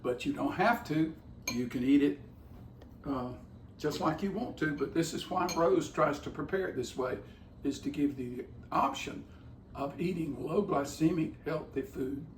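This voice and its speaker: A man's voice: on the high side, unhurried, echoey room, distant mic, slight background noise. An older man, co-hosting a home cooking show and explaining nutrition step by step in a folksy, enthusiastic way. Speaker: cooking channel co-host. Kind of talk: casual chat, explaining nutrition. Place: home kitchen.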